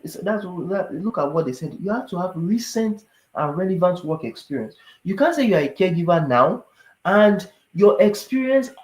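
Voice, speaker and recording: A man, a tired immigration advisor talking casually to viewers and often asking whether they understand. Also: high voice. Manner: animated, asks rhetorical questions, repeats "do you understand". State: tired, yawning. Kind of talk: casual explainer talk to viewers. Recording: echoey room.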